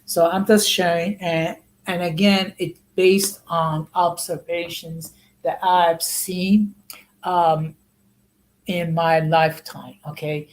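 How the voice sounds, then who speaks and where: Hosting a relaxed live-stream talk, an American man in his sixties speaks slowly in a slightly high voice with little pitch movement, frequently asking "okay?" as he goes. The recording is low quality.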